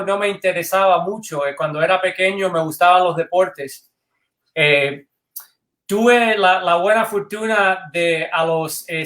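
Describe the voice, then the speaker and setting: High-voiced man from Cuba, echoey room. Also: a bit bright. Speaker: guest, band director. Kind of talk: interview answers.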